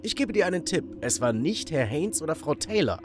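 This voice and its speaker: A man's voice: fairly high pitch, big pitch swings, fairly quick, voice pushed up. A man doing a gloating teenage villain girl. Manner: gloating, commanding. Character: scheming mocking teenage girl ringleader.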